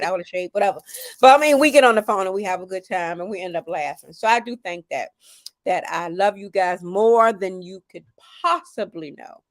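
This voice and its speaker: A woman's voice: mid-range voice, no echo, studio quality. A woman hosting a casual livestream chat, tired as she recovers from chemo, emotional and thankful, talking like a preacher. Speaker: host.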